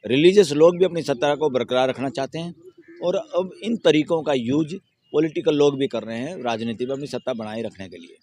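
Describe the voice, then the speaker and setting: A man speaking as an advocate in an interview, giving long emphatic answers that build into forceful rhetorical questions. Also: medium pitch, brisk, a little hiss or hum. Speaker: Supreme Court advocate, interviewee. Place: outdoors near a courthouse.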